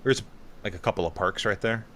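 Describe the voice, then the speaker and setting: A man's voice: on the low side, fairly quick, fairly bright tone, a little hiss or hum. A man in his thirties, a podcast co-host telling stories in casual chat and acting out other people's voices.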